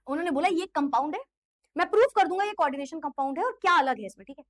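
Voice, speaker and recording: A woman's voice: sits high, lively intonation, very fast. A woman teaching an online chemistry class in a playful, teasing way, quizzing her students as she goes.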